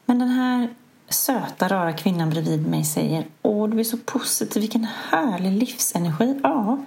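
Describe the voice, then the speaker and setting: A middle-aged woman, host of a podcast, telling a personal story in a candid, self-mocking way with a soft, hushed delivery. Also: low-pitched, vocal fry, a little hiss or hum.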